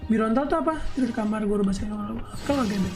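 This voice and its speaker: A woman's voice: fairly high pitch, fast. A woman from Indonesia chatting casually and laughing as she plays a game on a live stream, reading chat aloud. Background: game music.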